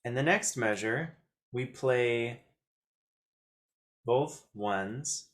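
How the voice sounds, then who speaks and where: A piano teacher who hosts video lessons demonstrates step by step, speaking slowly at a medium pitch. He deliberately counts out notes and fingerings in short phrases while piano notes sound behind him.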